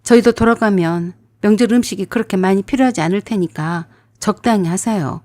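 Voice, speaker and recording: A woman's voice: mid-range voice, brisk, a little mellow, no room sound, clean studio sound, close to an everyday voice. A woman voicing a young husband who firmly defends his pregnant wife to his mother. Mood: polite. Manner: firm, pleading.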